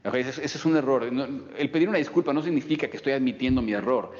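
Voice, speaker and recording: Man, self-help coach, quick talker, long reverb. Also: mid-range voice, a little mellow. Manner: explanatory, frequent "¿ok?" check-ins. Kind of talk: motivational video lecture. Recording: dull recording with long reverb.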